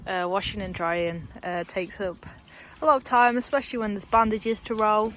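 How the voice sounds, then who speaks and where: A woman's voice: medium pitch, flat delivery, normal speed, fairly bright tone, low-quality recording. A young woman chatting casually while she films her stable yard, rambling with joking asides. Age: young adult. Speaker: vlogger at a horse yard. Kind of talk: casual vlog narration. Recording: outdoor background noise.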